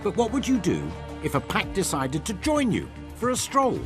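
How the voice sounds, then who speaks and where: A man's voice: high-pitched, wildly swooping pitch, normal speed. A man reading scripted nature documentary narration with dramatic storytelling. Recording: loud music bed under voice. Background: music.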